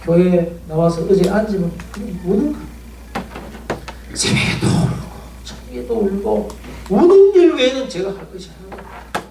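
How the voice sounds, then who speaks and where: A man's voice: sits high, expressive, moderate pace, dark tone, slight background noise. A male pastor preaching a sermon, telling an emotional story full of pleading rhetorical questions. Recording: roomy church sound, mic at a distance, faint ambience.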